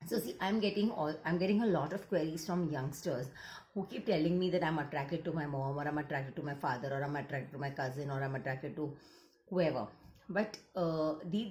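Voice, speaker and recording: Her low, slightly mellow voice echoing in the room, a Gujarati-speaking woman counseling psychologist chats earnestly to camera with an Indian English accent. Partway through sentences she slides into Hindi.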